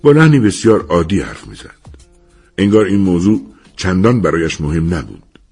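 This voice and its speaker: A man's voice: low-pitched, sing-song, darkish tone, husky, soft background music. A man narrating a story in an audiobook, reading expressively.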